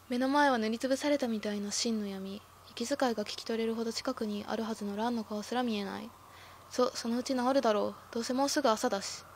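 A woman with a fairly high but darkish voice streams a game playthrough as a let's-play streamer. She reads the story text aloud and breaks in with short, startled reactions. There's a little hiss or hum in the audio.

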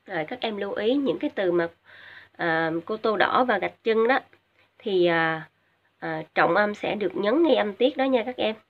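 A woman teacher with a Vietnamese accent giving a recorded English lesson, glossing each word in Vietnamese with frequent hesitant fillers and slow repetitions. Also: medium pitch, expressive. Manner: explains each word in Vietnamese, many filler sounds, drills English words slowly twice. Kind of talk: recorded video lesson for high school students. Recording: dull lo-fi recording.

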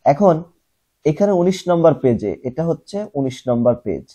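A young man teaching a class, who explains step by step, asks questions and answers them himself, and repeats sounds slowly to show how they are said. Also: fairly high pitch, sing-song, mellow, slightly rough. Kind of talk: classroom lesson.

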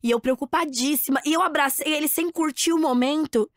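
Fast-talking high-voiced Brazilian woman. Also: no room sound, studio quality. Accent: Brazilian Portuguese. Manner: animated storyteller, acts out quotes. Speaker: guest. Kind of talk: casual chat.

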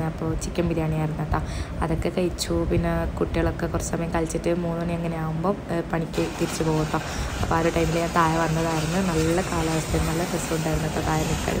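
Fast-talking mother narrating her day. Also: low voice, heavy background noise. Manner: chatty, tags sentences with "you know", frequent hesitation sounds. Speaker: vlogger, mother of two small boys.

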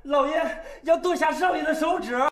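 A flustered household servant. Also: male voice, very high voice, moderate pace, reverberant, over a noisy crowd. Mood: urgent. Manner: urgent, breathless reporting. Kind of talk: period TV drama acting.

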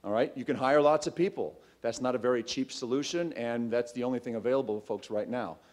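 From a stage in a large, darkened auditorium, a startup CEO in his thirties delivers a conference pitch for his company, keeping it conversational with plenty of ums and restarts. He speaks fast into a stand mic, his ordinary medium-pitched voice carrying a darkish tone.

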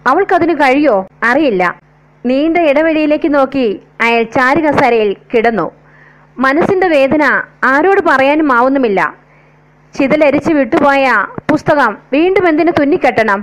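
Woman telling a sad story, high voice, slow and wistful. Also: low-quality recording. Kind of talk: scripted story narration.

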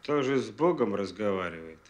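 Film drama: male actor as coolly mocking man, lowish animated voice, terse dry delivery. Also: brisk, lightly acted. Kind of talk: film acting.

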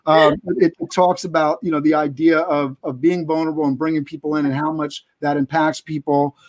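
A man's voice: on the high side, little pitch movement, fairly quick. A man in his thirties hosting a live business interview show over a video call.

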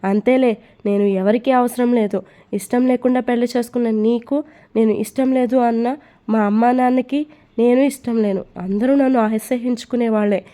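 A woman's voice: on the high side, steady tone, normal speed, dark tone, lightly acted. A woman voicing a hurt, tearful young wife who pleads and protests, in a storybook reading. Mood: pleading.

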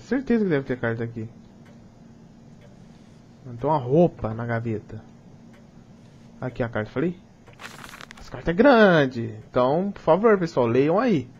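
A man's voice: medium pitch, highs cut off. A young man with a Brazilian Portuguese accent doing let's play commentary of a horror game, jumpy and swearing, talking to himself. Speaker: gaming youtuber.

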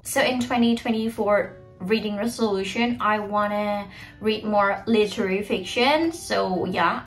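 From her bedroom, with a bookshelf at her back, a book vlogger in her twenties whose first language is Indonesian shares strong opinions on books with her viewers. She speaks at medium pitch with a fairly bright tone.

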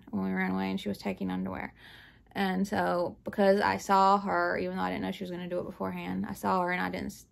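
Sitting on her living room floor, a book vlogger with a creaky, mid-range voice talks candidly about personal matters. She's blunt and rambling, with the occasional nervous laugh.

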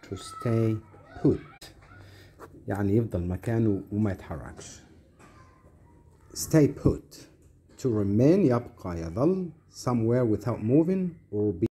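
A man with an Egyptian Arabic accent teaching short English lessons, saying English words slowly one at a time and explaining them in quick Arabic asides. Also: lowish voice, warm tone, slight background noise.

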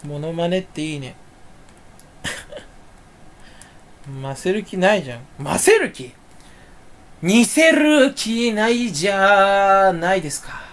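A man talking to himself in a rambling solo monologue. He is self-mocking and erratic, swinging from loud outbursts to low mutters. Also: big pitch swings, takes it slowly, long pauses. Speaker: solo talk channel host.

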